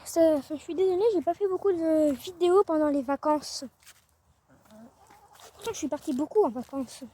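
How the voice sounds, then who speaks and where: High-voiced chatty teen girl. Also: moderate pace, mellow, slight background noise. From northern France. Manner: rambling, chatty, often trails off and restarts. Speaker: vlogger. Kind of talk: casual vlog. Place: outdoor garden by a chicken coop.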